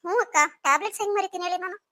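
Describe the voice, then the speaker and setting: A woman's voice: extremely high pitch, very fast, a bit bright. A woman voicing Nisarga, a hurt young pregnant wife. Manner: reproachful, pleading. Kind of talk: cartoon story dubbing.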